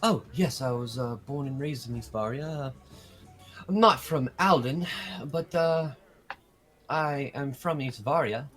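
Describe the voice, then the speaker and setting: A man's voice: medium pitch, unhurried, a bit bright, faint music behind, lightly acted. A man voicing a polite, modest elven guard captain who stumbles over his words. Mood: courteous. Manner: flustered, stumbling, courteous.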